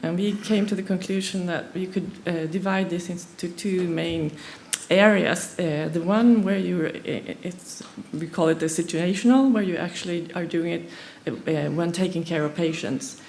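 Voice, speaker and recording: A Swedish woman speaking English as a second language gives a conference presentation. Her voice is lowish with a darkish tone, and she is halting, using many fillers and restarts. Slight background noise is audible.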